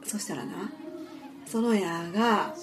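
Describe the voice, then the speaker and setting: A woman with an Osaka Kansai accent voicing a frank, excitable young woman from an ancient myth, telling her tale in a gossipy first-person way. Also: medium pitch, measured pace, a faint crowd, lightly acted. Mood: chatty, excitable. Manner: gossipy storyteller, chatty asides. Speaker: reader. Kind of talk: dramatic first-person reading.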